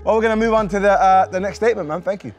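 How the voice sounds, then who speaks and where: A young man co-hosting a guessing show, teasing and joking in quick back-and-forth banter. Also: sits high, slight background noise.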